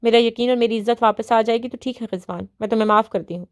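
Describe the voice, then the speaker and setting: A woman's voice: a little high, fairly even intonation, close to an everyday voice. A woman voicing a wronged young wife who speaks in a cold, hard tone. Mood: bitter.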